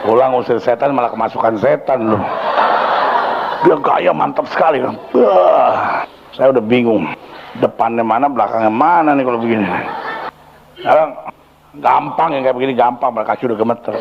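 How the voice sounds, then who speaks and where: A male pastor telling a story in a sermon, animated and joking, acting out the scenes for his congregation in a church. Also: medium pitch, fairly quick, vocal fry, long pauses, muffled recording, noisy background.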